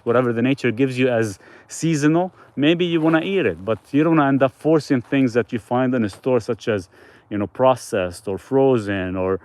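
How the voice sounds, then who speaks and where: A man's voice: medium pitch, a little mellow, no echo. Man rambling through a live Q&A. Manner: loose and rambling, with frequent restarts. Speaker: host answering viewer questions. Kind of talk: casual live Q&A.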